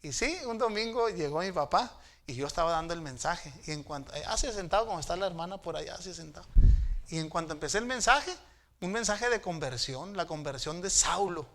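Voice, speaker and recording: A middle-aged man from Mexico delivers a church sermon, with a high, bright, forceful voice. He shifts from quiet storytelling asides to raised calls to the congregation. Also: expressive, a little fast. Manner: storytelling, swinging between hushed asides and raised exhortations. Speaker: pastor. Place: church sanctuary.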